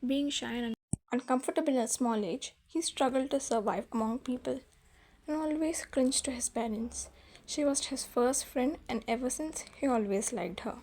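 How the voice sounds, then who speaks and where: A woman narrating fan fiction aloud in a soft, even storytelling manner. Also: high-pitched, normal speed.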